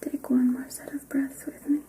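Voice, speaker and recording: A woman in a whispered role-play as a scalp massage therapist, speaking in a soft, gentle, soothing spa whisper close to a binaural microphone. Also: high voice, flat delivery, normal speed.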